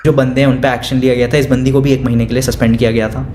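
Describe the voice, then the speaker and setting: A young man telling an animated, gossipy school story in a casual storytime style, slipping in English phrases. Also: mid-range voice, rapid-fire, background noise. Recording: roomy room with faint ambience.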